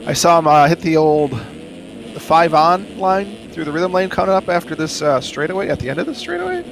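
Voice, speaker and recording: A man adds color commentary to an online race in a voice a little higher than average. He drops dry, wisecracking remarks in an offhand tone. A faint background noise sits under his mic. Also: sing-song, moderate pace, gravelly, poor audio.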